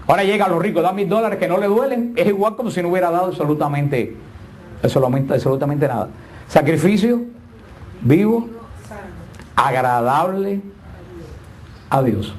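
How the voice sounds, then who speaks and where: A man's voice: high-pitched, lively intonation, normal speed, long pauses, slight background noise. A middle-aged man preaching a sermon with emphatic, swinging delivery and joking asides.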